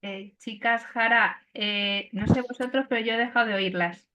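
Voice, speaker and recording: Bright woman's voice over a laptop speaker. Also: a little high, fairly even intonation, normal speed. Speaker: remote participant on a video call.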